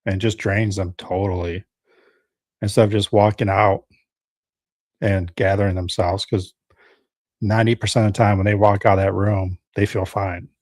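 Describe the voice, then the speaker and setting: Low-voiced podcast host, dry sound. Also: male voice, normal speed, pauses often, dry recording. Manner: relaxed, reads out chat comments. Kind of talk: casual interview.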